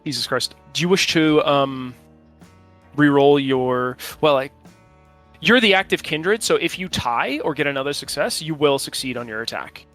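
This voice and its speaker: Acting as game master for a tabletop role-playing game, a man with a bright, fairly high voice improvises the narration. He explains the rules in a loose, halting way while faint music plays in the background.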